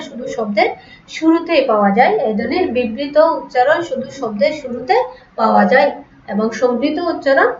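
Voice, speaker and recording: A woman teaching an online class, explaining slowly, repeating example words and asking her students rhetorical questions. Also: on the high side, a little hiss or hum. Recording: echoey room, distant lo-fi mic.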